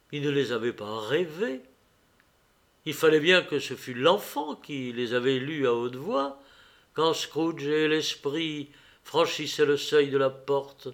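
A man narrating a classic story as an audiobook in a measured, expressive way. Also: on the high side.

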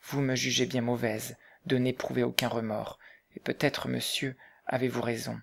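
A man reading the part of a bitter, grieving young mother, speaking softly and subdued in an audiobook. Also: medium pitch, little pitch movement, moderate pace, gravelly, noisy background, close to an everyday voice. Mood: weary, bitter. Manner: soft, subdued, hushed.

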